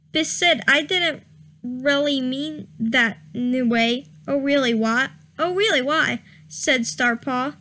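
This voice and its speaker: Reading terrible fan fiction aloud for comic effect, a young woman with a high, sharp voice stumbles on its misspellings and breaks into laughter along the way.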